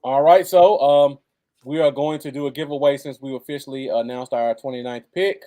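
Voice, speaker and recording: A man's voice: mid-range voice, steady tone, moderate pace, mellow. An American man chatting casually as co-host of a live football fan show. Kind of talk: casual live sports chat.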